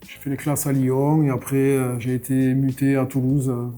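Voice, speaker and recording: A man's voice: medium pitch, level tone, moderate pace, mellow, soft background music. A middle-aged man from southwest France with a southwest French accent, telling his story in a casual interview, hesitant with many fillers and restarts. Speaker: brewery founder, interview guest.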